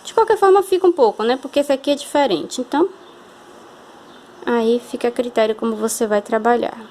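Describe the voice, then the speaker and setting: There's a slight hiss or hum on this clip of a Brazilian woman, her voice on the high side with a darkish tone, teaching hand sewing fairly quickly. With a Brazilian Portuguese accent, she moves patiently through each step and often checks in with the viewer.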